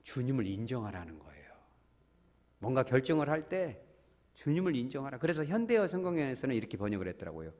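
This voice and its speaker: Animated pastor preaching in a reverberant church. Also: male voice, mid-range voice, fast talker. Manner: animated, acts out little quoted dialogues; calls on the congregation directly. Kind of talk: sermon. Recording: long church-hall reverb.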